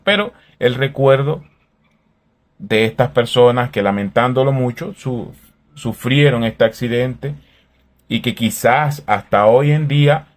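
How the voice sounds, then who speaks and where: A man from Venezuela, hosting a calm, thoughtful faith talk in a conversational way. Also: mid-range voice.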